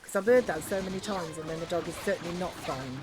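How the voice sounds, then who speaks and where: A woman's voice: fairly low pitch, quick pace, over music. A woman streamer chatting casually and rambling through stories while playing a game. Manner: chatty, rambling storyteller with regional slang.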